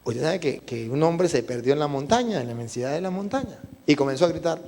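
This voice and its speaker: A man's voice: a little high, lively intonation, fast talker, darkish tone, long reverb tail. A man, a priest preaching at a retreat, telling stories animatedly and asking the audience questions. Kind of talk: sermon at a retreat.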